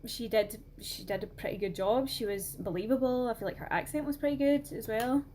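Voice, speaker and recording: A woman's voice: fairly high pitch, fairly even intonation, fairly quick, warm tone, slight background noise. A Scottish woman co-hosting a podcast, chatting expressively about film. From Scotland. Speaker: podcast co-host. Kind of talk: casual film discussion.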